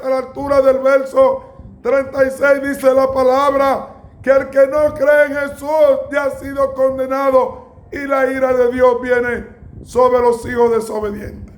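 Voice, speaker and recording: A man preaching a sermon in a slow, emphatic way, with bursts of raised voice. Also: very high voice.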